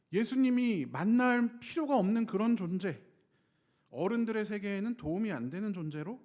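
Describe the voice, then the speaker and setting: A male pastor preaching a sermon in an animated way, acting out the voices he quotes. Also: sits high.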